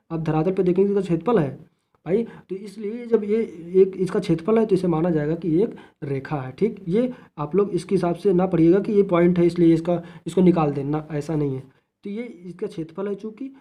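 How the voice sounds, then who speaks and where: High-voiced, mellow man teaching. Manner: repetitive, asks rhetorical questions, addresses viewers as friends. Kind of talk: explanatory geography lesson.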